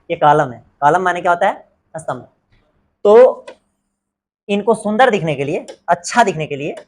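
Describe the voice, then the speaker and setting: A man teaching a math lesson, asking questions and answering them himself, repeating the key words. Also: fairly high pitch. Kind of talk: exam-prep math lesson.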